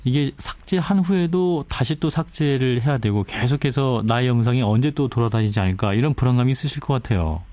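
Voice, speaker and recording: A man's voice: mid-range voice, lively intonation, a little fast, hardly any pauses, a little mellow. A man hosting a radio news show, introducing items and putting questions to guests in broadcast style. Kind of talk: broadcast interviewing. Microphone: close studio microphone.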